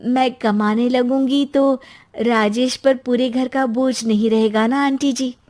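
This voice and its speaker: A woman's voice: a little high, fairly even intonation, a little slow, a little mellow, close to an everyday voice. A woman voicing a cheerful, trusting young wife in a cartoon story. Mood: anxious.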